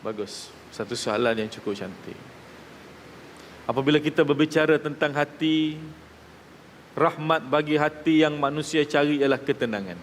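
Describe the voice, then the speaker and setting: A man with a Malaysian Malay accent gives a sermon to a live audience. His voice sits fairly high and he keeps checking in with his listeners. A long reverb from the hall hangs on his words. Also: normal speed, a little hiss or hum. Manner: addresses the audience directly, asks checking questions; acts out quoted people in his stories. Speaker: preacher. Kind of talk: religious talk to a live audience. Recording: reverberant hall with faint ambience.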